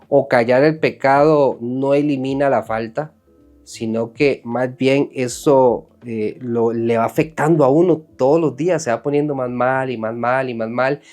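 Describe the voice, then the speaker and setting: A man preaching an earnest, animated sermon who acts out the voices of people he quotes. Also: mid-range voice. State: sweating from emotion.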